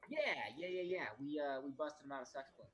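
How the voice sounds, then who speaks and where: A man's voice: on the high side, brisk, highs cut off. A man playing his character in a tabletop game, with wry, joking and crude banter. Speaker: player. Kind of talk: in-character tabletop role-play.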